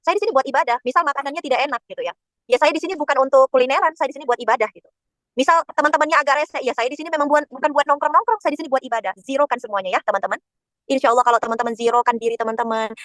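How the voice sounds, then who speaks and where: A woman's voice: high-pitched, a bit bright, no echo. A woman religious teacher giving an emotional webinar sermon, telling stories and speaking straight to her listeners. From Indonesia. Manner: emotional, addresses listeners directly and often.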